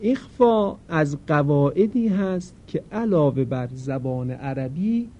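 A fairly high-voiced man teaching Quran recitation. He explains each rule plainly and then stretches his examples into slow, drawn-out chanted recitation. The recording is dull and lo-fi. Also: lively intonation, dark tone. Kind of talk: recorded tajweed lesson.

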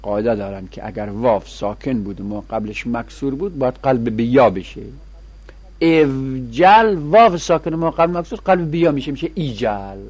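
Male teacher, husky voice, sing-song drilling of conjugations, plain explanatory lesson. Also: medium pitch, hardly any pauses, darkish tone.

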